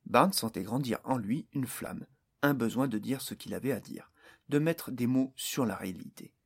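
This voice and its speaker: A man reads a fantasy story aloud in a steady, measured narrator voice. His tone is husky. He keeps the scripted narration even and clear. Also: mid-range voice. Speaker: audiobook narrator.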